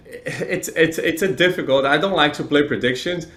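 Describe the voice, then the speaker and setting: A Chilean real estate data provider, a bit bright and a little high in pitch, talks a little slowly during an interview. He's conversational and explanatory, often adding "right?" to his statements.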